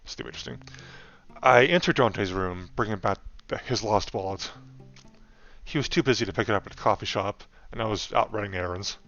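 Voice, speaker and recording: A man with a lowish voice reads a visual novel aloud as a game streamer, adding casual remarks. The sound is somewhat dull, with some music behind him. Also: a little fast, fairly bright tone.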